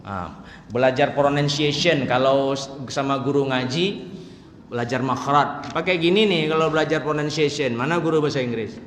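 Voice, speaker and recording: Joking preacher in an echoey hall. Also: male voice, mid-range voice, a bit bright. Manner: humorous, chatty, slows to chant Arabic verses. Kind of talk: evening religious lecture. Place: mosque hall. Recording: echoey hall, faint room noise.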